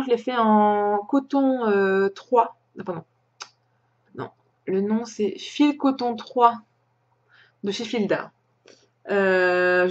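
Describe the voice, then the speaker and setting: A woman from France hosting a crafting podcast, chatting casually and hesitantly with plenty of pauses and restarts. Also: medium pitch, darkish tone, lo-fi sound. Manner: hesitant, many fillers and restarts, chatty with light laughs. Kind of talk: casual show-and-tell chat.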